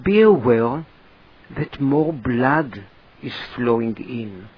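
A man guides a relaxation exercise at a very slow, deliberate pace. His voice is husky and sits at a medium pitch. He speaks in short, spaced-out instructions, and the recording sounds slightly muffled and lo-fi. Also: lively intonation.

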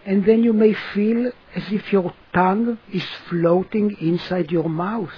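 A person guiding a relaxation session in a soothing manner, giving gentle instructions with long pauses. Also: medium pitch, breathy edge, dull audio. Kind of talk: guided relaxation narration.

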